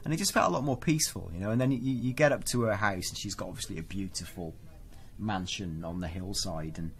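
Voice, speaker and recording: Low-voiced man, enthusiastic co-host. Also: fairly quick. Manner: enthusiastic, descriptive, many fillers. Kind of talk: casual podcast chat.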